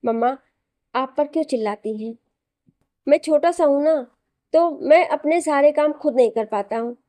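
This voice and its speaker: A woman's voice: sits high, normal speed, dark tone, no echo, close to an everyday voice. A woman voicing a mischievous three-year-old boy who talks in an innocent, childish way. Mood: pleading innocent.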